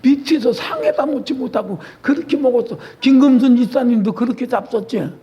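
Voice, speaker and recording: A man's voice: very high-pitched, a little fast, mellow, muffled recording. A man with a Chungcheong accent preaching a sermon in a church, folksy and teasing members of the congregation by name. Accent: Chungcheong dialect. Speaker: pastor. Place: church sanctuary.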